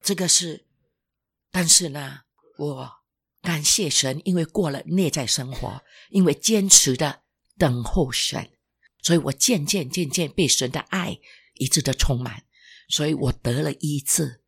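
An older former pastor giving an emotional personal testimony, halting and restarting, sometimes dropping to a whisper. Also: medium pitch, creaky, slightly rough.

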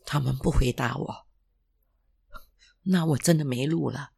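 An older former pastor giving an emotional personal testimony, halting and restarting, sometimes dropping to a whisper. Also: mid-range voice, vocal fry, dark tone, breathy edge.

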